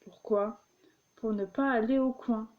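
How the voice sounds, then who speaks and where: A young woman reads jokes out loud at a slow, unhurried pace and keeps stumbling and correcting herself as she goes. Her voice sits a little high, and the recording sounds dull and lo-fi. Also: fairly even intonation. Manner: giggly, stumbling, explaining jokes. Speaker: vlogger. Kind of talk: reading jokes aloud.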